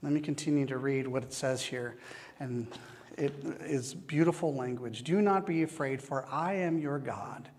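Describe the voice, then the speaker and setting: A man preaching a sermon as pastor, slow and measured with long pauses, recorded in a church. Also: mid-range voice, darkish tone. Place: church sanctuary. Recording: long church hall reverb.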